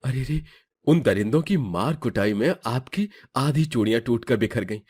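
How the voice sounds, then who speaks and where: A man's voice: medium pitch, animated, moderate pace, darkish tone, husky. A man voicing a polite, lovestruck young man. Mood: earnest. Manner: courteous, earnest, stammers when nervous. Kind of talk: Hindi cartoon voice acting.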